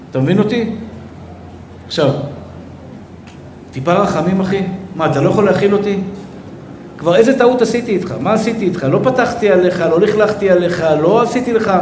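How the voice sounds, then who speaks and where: A man, a rabbi, giving an emotional, warm sermon to a live audience, calling his listeners brother. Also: sits high, slight background noise. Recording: echoey hall, faint ambience.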